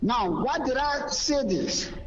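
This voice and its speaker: Preaching caller on a muffled line. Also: male voice, extremely high pitch, expressive, takes it slowly, roomy sound, a crowd in the background. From Liberia. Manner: preaching, emphatic and repetitive. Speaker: pastor caller. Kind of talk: phoned-in talk show call.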